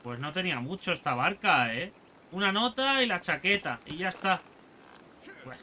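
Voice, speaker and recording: A man with an accent from Spain giving excitable, foul-mouthed let's play commentary as a gaming channel host, taunting enemies as he plays. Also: high-pitched, moderate pace, slight background noise. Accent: Spain Spanish.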